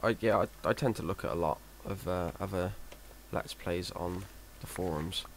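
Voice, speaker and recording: At normal speed, a deep-voiced Minecraft let's player chats casually over his game in a flat monotone he owns up to, with gravel at the tail of his words. He strays off topic, stumbles, and puts himself down, and a continuous hiss runs through the noisy home recording.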